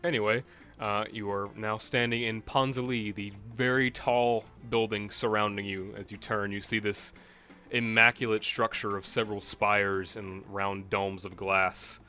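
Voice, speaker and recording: A man's voice: lowish voice, little pitch movement, a little slow, sharp tone. A man narrating a tabletop game as game master, improvising scene descriptions in an informal way. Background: guitar music.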